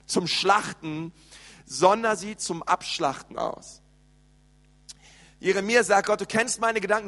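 A man preaching a sermon with a rather high voice, animated and full of direct questions to the congregation. His voice rings out with long reverb through a large church hall. He swings between quiet, reflective stretches and loud, excited peaks. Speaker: pastor.

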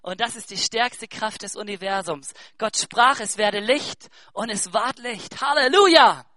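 A man in his thirties preaching a sermon, swinging between soft asides and loud, emphatic bursts. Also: high-pitched, a little slow, no echo. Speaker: pastor.

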